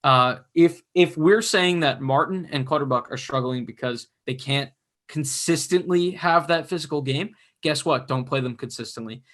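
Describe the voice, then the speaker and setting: A young man co-hosting a casual sports podcast, chatty and analytical, his voice going hoarse. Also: fairly high pitch, fairly bright tone. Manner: chatty, analytical, self-mocking. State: losing his voice. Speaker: podcast co-host.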